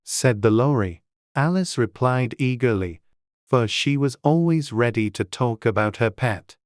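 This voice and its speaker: A woman's voice: extremely low pitch, lively intonation, a little slow, no echo, clean studio sound. A woman narrating a classic storybook in a dramatized audiobook reading.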